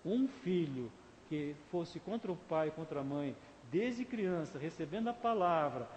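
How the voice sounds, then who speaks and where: A man's voice: on the high side, expressive, unhurried, a little mellow, slight background noise. A male pastor with a Brazilian Portuguese accent preaching a conversational sermon, often asking the congregation questions. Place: church sanctuary. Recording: echoey church hall, faint ambience.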